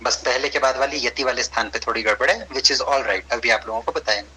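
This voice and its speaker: A man's voice: medium pitch, a little fast, pushed and bright, slightly rough, poor audio. A man teaching an online class over a video call, patient and encouraging, slipping English phrases into his speech.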